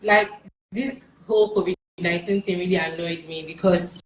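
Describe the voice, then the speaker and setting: Woman co-host, low voice, chatty and enthusiastic, echoey room with faint hiss. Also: steady tone, moderate pace. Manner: chatty, enthusiastic fan talk. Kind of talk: casual online interview.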